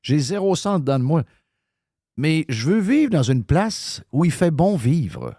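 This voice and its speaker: A radio show host with a Québécois French accent rants heatedly on live talk radio, swearing freely. His fairly high voice is very animated yet unhurried, with a dark tone. The sound is clean studio quality with no room sound.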